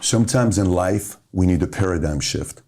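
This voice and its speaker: In a low voice at normal speed, a middle-aged Iranian man shares motivational stories as a podcast guest. He gets animated, acting out dialogue along the way.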